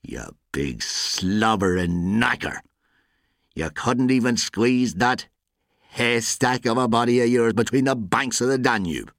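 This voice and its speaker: A man voicing a small, withered, weary old postman who talks in a curt and gruff way in a story reading. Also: mid-range voice, animated, measured pace, a bit bright, no echo, studio quality. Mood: scornful.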